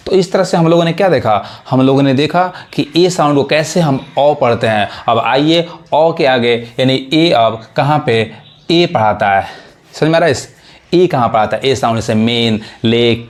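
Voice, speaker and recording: A man teaching English pronunciation rules in Hindi, repeating his points and often checking whether his listeners understand. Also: mid-range voice. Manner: repetitive teaching, asks "samajh mein aa raha hai?". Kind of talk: classroom explanation.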